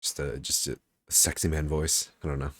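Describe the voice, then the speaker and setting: A man's voice: rumbling low, little pitch movement, normal speed, slightly rough, dry recording, studio quality. A man streaming a game, chatting casually and offhandedly between lines of dialogue, with occasional swearing. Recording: game music playing behind.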